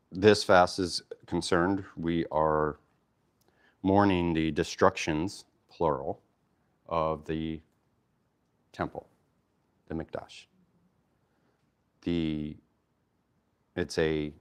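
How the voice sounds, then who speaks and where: A man's voice: low-pitched, smooth. A man teaching a casual Torah study, who often stops to explain Hebrew terms and talks with frequent fillers and restarts.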